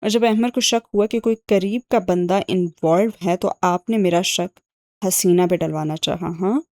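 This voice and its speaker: An indignant young man, voiced by a woman narrator presses accusing questions one after another. The voice is low and mellow and recorded dry and close, as in a read audiobook. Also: no room sound, close to an everyday voice. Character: indignant young man, quick-tempered brother.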